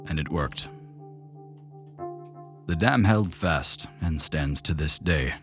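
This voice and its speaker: A man as game master voicing a remorseful male leader, heard as a distant memory voice that draws closer, slow, grave and reflective. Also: very deep voice, lively intonation, over music, exaggerated voice. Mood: somber. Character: remorseful male leader recalling a past decision. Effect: distant memory voice drawing closer.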